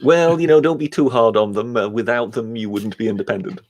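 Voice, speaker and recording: A man's voice: medium pitch, brisk, darkish tone. A British man on a livestream, chatting in a dry, wry and polite way. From Britain. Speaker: guest. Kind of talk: casual livestream chat.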